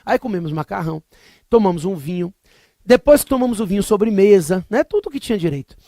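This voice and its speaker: This recorded law lecture for exam prep comes from a Brazilian man in his thirties whose high, expressive voice runs fast with a dark tone. Speaking with a Brazilian Portuguese accent, he repeats points emphatically and wanders into jokey stories; the studio sound is clean with no echo.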